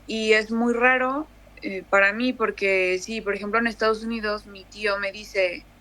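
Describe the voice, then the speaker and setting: A woman's voice: mid-range voice, fairly even intonation, moderate pace, a bit bright. A young Mexican woman with a Mexican accent, chatting casually as a guest, full of fillers and restarts. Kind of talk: casual conversation.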